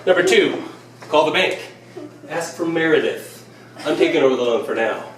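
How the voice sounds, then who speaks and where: A man's voice: a little high, animated, normal speed, lightly acted. A man playing a brash rich uncle who rattles off orders in an amateur film. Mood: bossy. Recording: echoey, distant, noisy room.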